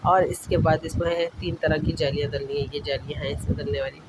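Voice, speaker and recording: A young man talks through his home vlog in a casual, rambling voice-over, correcting himself as he goes. His voice sits a little higher than most men's. A clear hiss of noise runs under the recording. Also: little pitch movement, a little fast. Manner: chatty, rambling, self-correcting. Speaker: vlogger.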